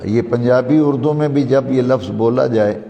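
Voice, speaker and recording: A man delivering a sermon, chanting quoted Arabic slowly and drawn out, recorded live in a large echoing hall. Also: medium pitch, creaky, lo-fi sound. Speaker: preacher. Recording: echoey hall with live crowd.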